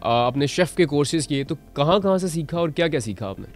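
A man's voice: fairly high pitch, animated, a little fast, faint music behind. A young man from Pakistan interviewing a guest on an outdoor terrace with a handheld mic, asking short probing follow-ups. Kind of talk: interview questions.

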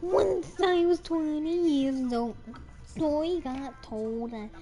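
A young woman with a high, mellow voice sings along unhurriedly over faint background music. She chats with her stream viewers in a casual, youthful way. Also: takes it slowly. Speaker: livestreamer. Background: music playing.

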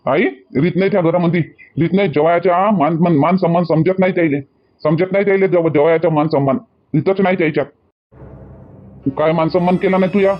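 Village comedy: a man as an aggrieved son-in-law, Varhadi Marathi accent, fast and high-pitched. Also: steady tone, dull audio, natural voice. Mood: indignant. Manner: aggrieved, repeats himself while complaining. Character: offended young son-in-law, touchy and indignant. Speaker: actor in a village comedy skit. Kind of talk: rural comedy skit acting.

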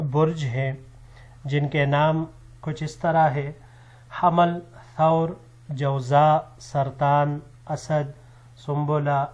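A man teaching an Arabic vocabulary lesson in a measured way, listing word forms and their meanings one after another. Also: fairly high pitch. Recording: slightly dull lo-fi recording.

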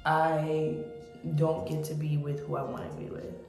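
An American woman in her thirties talking candidly and reflectively to camera in a casual confessional vlog, pausing as she goes and sometimes swearing. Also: deep voice, fairly even intonation, gravelly, a little mellow. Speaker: vlogger. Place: small indoor room. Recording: echoey room with music behind.

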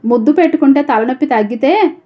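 A woman voicing a proud, sharp-tongued young wife who answers curtly. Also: high voice, animated, fast talker. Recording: dull lo-fi audio.

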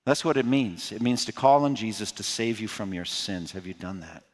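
A man preaching an expository sermon as pastor. He swings between loud, rising emphasis and quiet, pleading appeals. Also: animated, moderate pace. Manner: impassioned preaching, rising loud on key points and dropping low to plead. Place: church sanctuary. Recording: long hall reverb.

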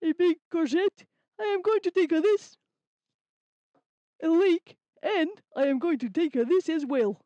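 A woman's voice: very high voice, measured pace, pauses often, warm tone, no echo. A woman voicing a cheerful, earnest young male rabbit in a children's puppet story, speaking in simple, careful sentences. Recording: slightly dull lo-fi sound.

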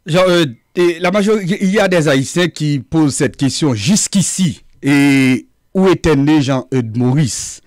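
A man hosting an interview over a video call, asking questions in a halting way and often repeating his words. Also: a little high, animated, darkish tone, no room sound, clean studio sound. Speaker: interviewer, host.

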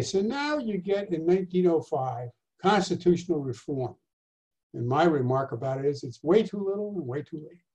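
A man's voice: fairly high pitch, warm tone. An older man teaching a history lecture over a video call, conversational, with rhetorical questions and wry asides. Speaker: instructor.

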